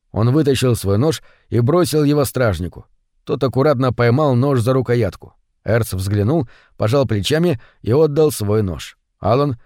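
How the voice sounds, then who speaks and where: A man narrating an audiobook in a measured, even reading. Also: medium pitch, dry recording, clean studio sound.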